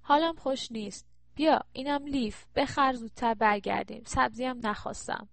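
A woman's voice: on the high side, gravelly, fairly bright tone, dry recording, pitched above the performer's own voice. A woman narrator voicing an irritable, complaining middle-aged woman in an audiobook. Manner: snappish, complaining.

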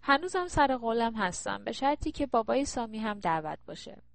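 A woman's voice: a little high, vocal fry. A woman narrator voicing a jovial, teasing older man at a party in an audiobook. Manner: flattering, playful.

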